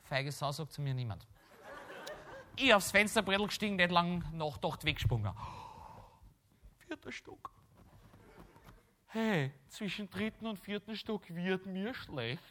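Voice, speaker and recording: A man with a Viennese accent doing a stand-up comedy monologue, telling a story with lively asides and tag questions. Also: high voice. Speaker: cabaret comedian.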